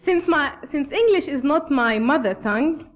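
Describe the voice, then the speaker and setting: In a muffled recording, a high-pitched, animated woman from Bethlehem, Palestine, speaks English with an Arabic accent, Arabic being her first language. She delivers an earnest, measured formal address at a church gathering.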